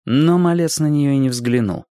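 A man narrates a story in a steady, even way. His voice sits in a middle range. The recording is dry and close, with no room sound. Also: medium pitch, normal speed, no room sound. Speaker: audiobook narrator. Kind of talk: scripted narration.

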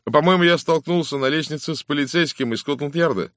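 A man's voice: on the high side, quick pace, fairly bright tone, dry recording, clean studio sound, pitched above the performer's own voice, lightly acted. A man voicing an anxious, apologetic young stage actor in an audiobook, speaking hesitantly with fillers. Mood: uneasy. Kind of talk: audiobook character voice.

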